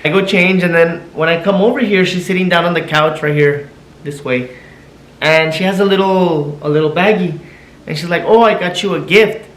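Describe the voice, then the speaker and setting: Excitable man retelling a story at home. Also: high-pitched, normal speed. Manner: excitable, repeats himself, mixes in Spanish. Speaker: vlogger, husband. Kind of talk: casual storytelling to camera. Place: living room at home. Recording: echoey room with soft music.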